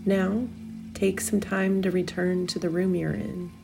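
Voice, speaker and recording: Woman, meditation guide, very gravelly vocal fry, slow soothing delivery, long pauses, music behind. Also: fairly low pitch, little pitch movement.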